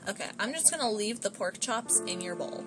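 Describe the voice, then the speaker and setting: A gameplay streamer chats casually as she plays, talking to her in-game pets in a mid-range voice that's animated and brisk. Music plays in the background.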